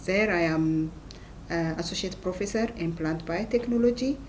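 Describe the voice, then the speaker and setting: Earnest low-voiced Ethiopian woman scientist. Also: a little hiss or hum. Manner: speaks in short halting phrases. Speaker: plant scientist and professor. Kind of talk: talking-head interview.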